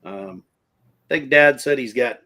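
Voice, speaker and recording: A man's voice: mid-range voice, measured pace, sharp tone. A man with a Texan accent, a rancher guest in a casual stream chat, explaining at length in country grammar.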